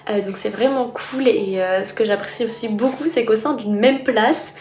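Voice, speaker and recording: A woman's voice: fairly high pitch, moderate pace, a little mellow, roomy sound. A young woman from France, a student vlogger, chatting with enthusiasm in a casual vlog. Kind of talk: casual vlog talk to camera.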